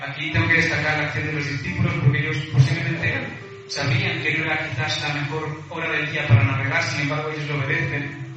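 A man preaches a sermon, reading scripture aloud and pausing on hesitant fillers. His voice sits a little high. He is heard from a distance in a very echoey hall, with music playing behind him. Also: bright, forceful tone. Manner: reads scripture aloud, addresses the congregation; hesitant fillers between phrases.

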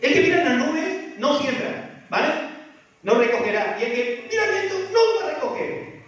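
A man's voice: extremely high pitch, sing-song, normal speed, a bit bright. A man preaching a sermon, asking the congregation rhetorical questions. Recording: echoey, distant, dull church sound with faint music.

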